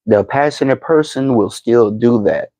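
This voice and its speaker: A man in his fifties, a podcast host giving slow, deliberate motivational advice, with frequent fillers and repeated words. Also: mid-range voice, dark tone, no echo, low-quality recording. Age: 50s. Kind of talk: motivational talk to camera.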